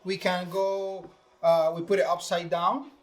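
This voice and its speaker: Unhurried and high-voiced, with little pitch movement, a man from Venezuela walks through a recipe in English in a casual cooking demo. The chef, who has a Venezuelan Spanish accent, goes step by step and uses many fillers.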